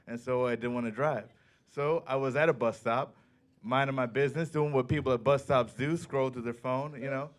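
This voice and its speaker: A man doing a stand-up set in a comedy club, telling stories in a deadpan way and acting out the people he quotes. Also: mid-range voice, moderate pace. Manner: deadpan storytelling with acted-out quotes.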